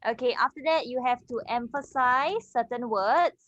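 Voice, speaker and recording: A woman's voice: a little high, moderate pace, a bit bright, no room sound, lo-fi sound. A woman with a Singaporean English accent teaching an English reading class, explaining step by step and checking in with her students. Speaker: English tutor. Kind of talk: online class lesson.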